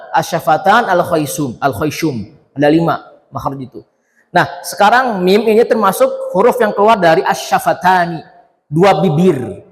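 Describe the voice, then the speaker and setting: A male Quran teacher giving a tajwid lesson, drilling letter sounds one syllable at a time and quizzing his students. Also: high voice. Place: Islamic centre hall. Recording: echoey hall with long reverb.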